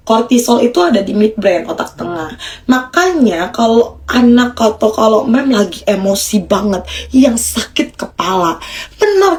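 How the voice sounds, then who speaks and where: A woman, a child development educator, giving casual parenting advice to mothers in a lively way, dropping to a soft low voice for demonstrations.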